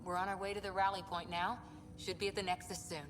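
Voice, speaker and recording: A woman voicing a caring female medic in a video game, speaking gently and matter-of-factly. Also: lowish voice, level tone, fast, close to an everyday voice. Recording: game audio, reverberant, ambient noise.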